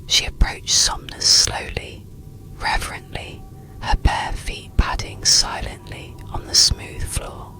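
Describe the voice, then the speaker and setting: A bedtime story is whispered by a narrator in a calm, breathy ASMR style, each phrase placed with care. The recording itself is of poor quality.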